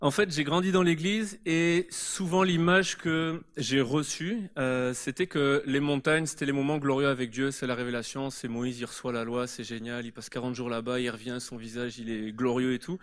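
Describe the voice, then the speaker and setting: A man's voice: mid-range voice, little pitch movement, normal speed, few pauses. A man being interviewed as a guest author at a church service, explaining his ideas in an earnest, reflective way. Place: church service before a congregation.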